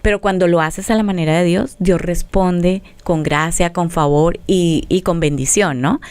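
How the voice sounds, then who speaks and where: A middle-aged woman with a smooth, resonant voice tells a personal story in an earnest way, slipping into the voices of the people in it. The sound is close and dry. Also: fairly low pitch, steady tone, normal speed, darkish tone, no echo. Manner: earnest storytelling, acts out dialogue. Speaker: family counselor guest. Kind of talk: testimony in interview.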